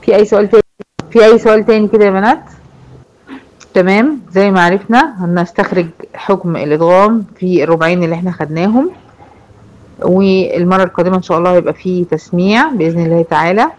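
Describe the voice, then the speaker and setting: A woman with an Egyptian accent teaching a Quran recitation lesson to girls. She explains the rules slowly, repeats examples and checks that her students follow. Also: fairly low pitch, a little mellow, poor audio. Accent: Egyptian Arabic. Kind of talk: online tajweed lesson.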